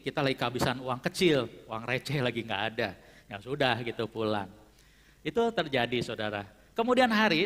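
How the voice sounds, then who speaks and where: A man's voice: medium pitch, fairly bright tone. A man preaching a sermon, telling a story in a casual, conversational way, often calling the listeners "brothers and sisters" and acting out what the characters say. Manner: conversational, addresses congregation as "saudara", acts out quoted voices. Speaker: pastor. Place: church. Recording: long reverb of a church hall.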